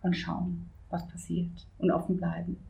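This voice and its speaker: Woman, 50s, lower register, grounded and candid interview guest. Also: completely flat delivery, moderate pace, vocal fry, mellow, lo-fi sound. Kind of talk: reflective interview answers.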